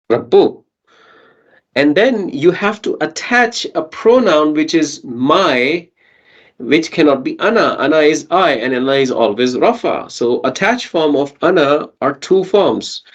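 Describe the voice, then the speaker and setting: A man with a voice on the high side teaches a Quranic Arabic grammar lesson online, recorded with dull audio. He patiently asks his students questions and checks in with them.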